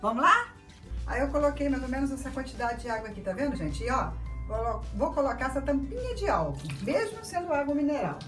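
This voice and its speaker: Female instructor, casual demo, bright and sing-song, coos with diminutives, baby crying behind. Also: high voice, sing-song, brisk. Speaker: instructor demonstrating baby care. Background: baby crying and music.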